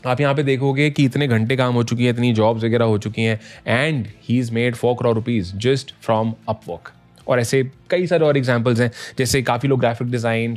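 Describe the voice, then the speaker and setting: With a mid-range, somewhat mellow voice, this man teaches business online in a relaxed explainer style. English phrases crop up throughout his speech, along with frequent "thik hai?" check-ins with his audience.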